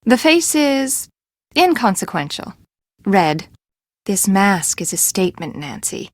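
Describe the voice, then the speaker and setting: Playing an imperious and eccentric fashion designer for a video game, a female performer uses a mid-range voice in a sing-song, slow delivery that is haughty, dramatic, and emphatic. The mood comes across as pompous and intense, with no room sound.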